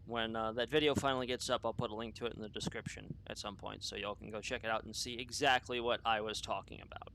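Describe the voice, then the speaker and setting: Speaking quickly with few pauses, the man has a lowish, steady, creaky voice set against a noisy background. As host of an unscripted opinion podcast, he rambles, swears, restarts and keeps veering off on tangents.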